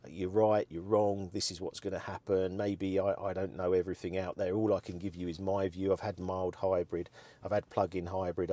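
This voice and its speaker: Low guy rambling on his vlog, chatty and blunt, says um a lot. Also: a little mellow. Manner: chatty, rambling, frank, with many ums. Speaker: vlogger. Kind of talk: casual opinion chat to camera.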